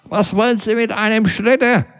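A man's voice: high-pitched, steady tone, normal speed, a bit bright, pitched above the performer's own voice. A man voicing an elderly, hard-of-hearing man who answers confused but sure of himself. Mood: verwirrt.

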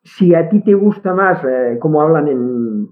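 Her voice sits low, expressive and unhurried: a woman with a Catalan accent, Catalan her mother tongue, appearing as a guest linguist in a relaxed chat. She is opinionated and firm, restarts words often, and the audio has a tinny phone quality.

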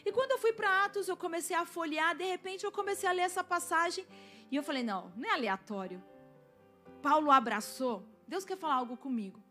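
Woman pastor, high voice, storytelling sermon, soft music bed. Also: a little fast. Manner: storytelling, asks the congregation to respond. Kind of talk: sermon with personal testimony.

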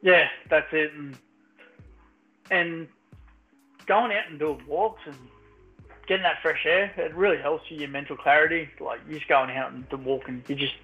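A man's voice: on the high side, fairly even intonation, normal speed, pauses often, narrow, tinny audio, faint music behind. An Australian man chatting casually in a blokey, laid-back tradesman manner. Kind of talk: casual chat.

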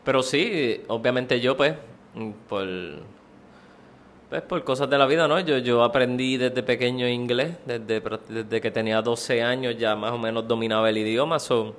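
A man's voice: mid-range voice, steady tone, moderate pace, a little hiss or hum. A man from Puerto Rico with a Puerto Rican accent, co-hosting a podcast in hesitant casual conversation full of fillers. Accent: Puerto Rican Spanish. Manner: hesitant, many fillers like "pues" and "no?". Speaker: podcast co-host.

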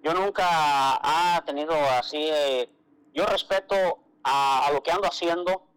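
A man's voice: a little high, measured pace, fairly bright tone, clear, resonant tone, low-quality recording. A man co-hosting a radio show, telling a story in a casual chatty way and quoting others. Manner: storytelling, quotes others, calls co-host "güerita". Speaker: radio co-host.

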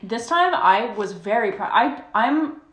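A woman from Florida co-hosting a podcast in casual chat, talking loosely with many "like"s and quick giggles, her voice echoing around a room at home. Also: a little high, expressive, fairly bright tone. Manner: chatty, giggly, lots of "like". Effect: echoey room sound. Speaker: podcast co-host. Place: dark house, kitchen or dining room.

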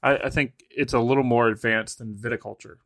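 A man's voice: mid-range voice, steady tone, brisk, a bit bright, no echo. A man co-hosting a board game podcast, giving enthusiastic, opinionated takes in casual chat.

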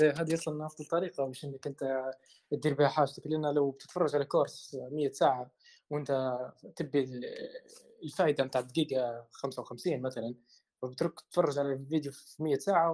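A man's voice: fairly high pitch, fairly even intonation, very fast, a little mellow. A man with a Libyan Arabic accent, a guest on a podcast, explaining technology step by step with examples. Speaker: guest expert. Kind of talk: casual podcast conversation.

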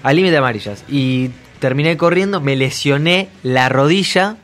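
Argentine radio host telling anecdotes. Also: male voice, a little high, lively intonation, moderate pace, a bit bright. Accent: Argentine Spanish. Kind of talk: casual chat. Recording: radio studio with faint music.

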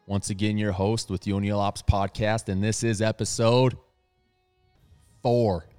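Host, male, 30s, very deep voice, relaxed rambling chat. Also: unhurried, clean tone, faint music behind. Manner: laid-back, rambling, self-mocking. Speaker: podcast host. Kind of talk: casual chat.

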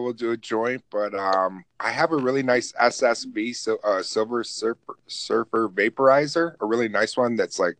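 A man's voice: mid-range voice, fairly bright tone, no echo. A man from upstate New York chatting casually, laid-back and rambling with fillers. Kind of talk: casual chat.

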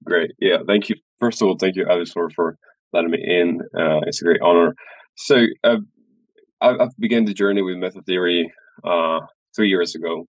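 A man answering interview questions in a very deep voice, often pausing on "uh" and repeating words. The sound is dry and close. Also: steady tone, no echo, low-quality recording. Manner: halting, many uh fillers and repeats. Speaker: guest, studio founder.

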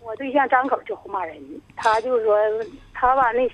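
Woman caller in her fifties, stumbling speech, high-ish voice, thin phone-line sound. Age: 50s. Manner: halting, rambling, stumbles over words. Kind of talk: radio call-in, telling her troubles. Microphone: telephone. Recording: tinny dry phone line.

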